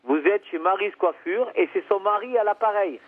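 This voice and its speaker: Male salon phone answerer, high-ish, curt and exasperated, heard through a thin phone line. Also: normal speed. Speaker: hairdresser's husband answering the phone.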